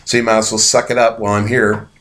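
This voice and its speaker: A man with a lowish voice talks loosely and unhurriedly between his songs, stumbling over fillers and restarts. He is a street singer-songwriter with a wry, self-mocking streak, and he chats straight to the camera. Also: flat delivery, fast talker, a bit bright.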